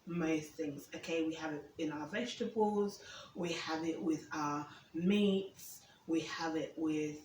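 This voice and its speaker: A woman's voice: deep voice, unhurried, a little mellow, a little hiss or hum. A woman from Uganda chatting casually in her kitchen while she preps food, often checking in with "okay?". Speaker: cooking vlogger. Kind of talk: casual cooking chat. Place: home kitchen. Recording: roomy, distant camera mic, faint ambience.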